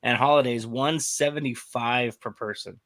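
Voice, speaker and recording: A man's voice: medium pitch, steady tone, normal speed, fairly bright tone. A man co-hosting a casual sports podcast, trading dry, wry jokes. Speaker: podcast co-host.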